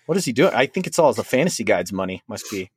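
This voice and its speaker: A man's voice: lowish voice, big pitch swings, fast talker, slightly rough, dry recording, clean studio sound. A man from Minnesota hosting a fantasy football podcast, chatting casually and rambling. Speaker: podcast host. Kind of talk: casual sports podcast chat.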